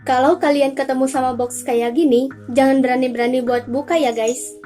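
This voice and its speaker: A young female storyteller and channel host narrates chatty, casually scripted recaps of spooky animated stories, addressing viewers directly and drawing out some words for emphasis. Her voice is high-pitched yet dark in tone, steady throughout. It's a voice-over with faint background music underneath.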